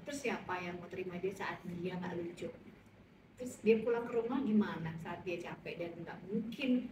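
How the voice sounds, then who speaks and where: A woman's voice: fairly low pitch, normal speed. A woman with an Indonesian accent, a cast member reflecting thoughtfully and empathetically at a press event. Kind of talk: casual press chat. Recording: echoey room, distant mic, background noise.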